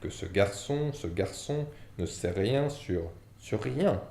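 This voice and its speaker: Hagrid, a gruff, booming half-giant read by a man. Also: normal speed, warm tone. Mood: angry. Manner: booming and indignant. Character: huge gruff male half-giant gamekeeper, quick-tempered. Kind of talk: audiobook reading with character voices. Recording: echoey room, faint background noise.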